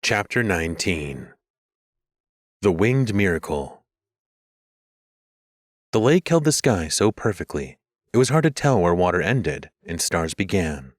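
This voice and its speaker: A man reading a fantasy audiobook in a measured, expressive scripted narration. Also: sits low, dry recording, clean studio sound.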